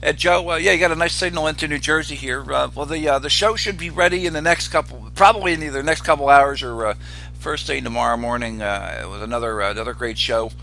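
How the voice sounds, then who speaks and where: A man casually hosting a ham radio net as its control operator, with a halting delivery full of pauses. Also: mid-range voice, gravelly, bright, forceful tone, poor audio. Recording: noticeable hum and background noise.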